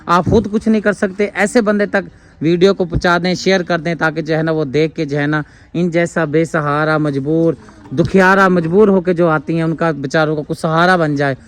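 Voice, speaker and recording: A man with a fairly high voice talks in a casual vlog style. He is earnest and fervent, and he keeps adding blessings and heartfelt appeals as he hands out food aid. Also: steady tone. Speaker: charity vlogger handing out food aid.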